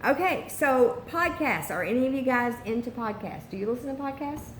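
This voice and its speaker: A woman's voice: high-pitched, expressive. Chatty woman co-hosting in an echoey room. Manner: chatty, many "um" pauses, enthusiastic. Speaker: vlog co-host. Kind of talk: casual chat. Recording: roomy echo with faint background noise.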